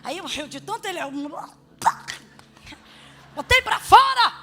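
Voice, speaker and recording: A woman pastor preaching a sermon in church, switching between emphatic shouting and humorous, chatty asides. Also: very high voice, big pitch swings, a little slow, faint music behind. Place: church sanctuary.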